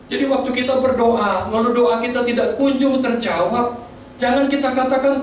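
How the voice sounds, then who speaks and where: A man preaches a sermon with a high voice, often asking the congregation questions and restarting words. He sounds far from the mic, in a strongly echoing church hall, with faint noise underneath. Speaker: pastor. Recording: very echoey church hall, voice from afar.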